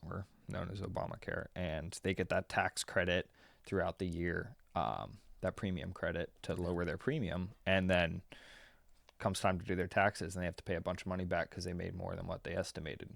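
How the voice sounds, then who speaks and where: A man's voice: sits low, creaky, no echo, clean studio sound. A man in his twenties, a tax preparer co-hosting a podcast, talking casually with lots of ums and you-knows. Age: 20s. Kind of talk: casual chat.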